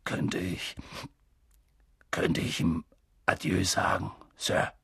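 A guy doing a big gruff softhearted giant, rough plain talk, gravelly, storybook. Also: sits low, lively intonation, moderate pace, no echo, clean studio sound, voice pushed down, full character voice. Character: huge gruff kindly male giant.

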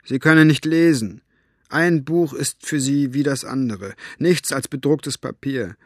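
A man voicing a sly, scornful grown man who speaks low and conspiratorially. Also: a little slow, no echo, clean studio sound. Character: sly, scornful male fire-juggler, secretive.

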